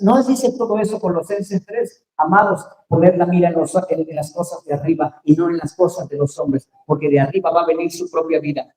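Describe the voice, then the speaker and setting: Impassioned Mexican pastor, echoey hall. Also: male voice, fairly high pitch. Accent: Mexican Spanish. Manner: impassioned preaching, swings from quiet to loud exhortation. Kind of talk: sermon. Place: church hall. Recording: echoey church room.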